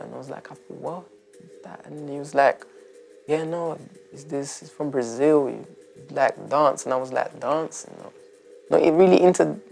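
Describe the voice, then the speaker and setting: Man, young adult, gravelly, halting reflective interview, faint music behind. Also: a little high, darkish tone. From Turkey. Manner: reflective, halting, frequent restarts. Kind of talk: documentary interview, personal story.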